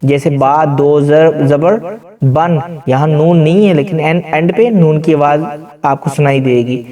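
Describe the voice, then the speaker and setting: Heard from a distance, a man with a higher, mellow voice teaches Quran reading by chanting syllables slowly. It's a spelling-out recitation lesson where he drills each syllable in turn and sometimes slips into chanted recitation.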